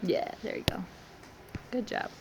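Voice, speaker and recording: A woman's voice: measured pace, darkish tone, a little hiss or hum. A woman teaching math in a classroom, walking through each step and asking the class encouraging questions. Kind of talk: classroom lecture.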